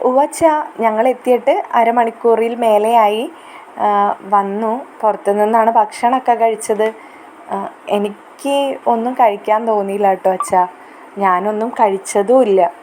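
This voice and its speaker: Soft dutiful daughter done by the woman telling the story, respectful, reassuring, faint hum behind. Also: mid-range voice, steady tone, moderate pace, lightly acted. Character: grown daughter, gentle and dutiful, young woman.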